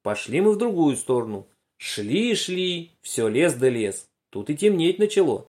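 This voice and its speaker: A man narrating a children's story aloud in an expressive, animated way. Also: mid-range voice, normal speed.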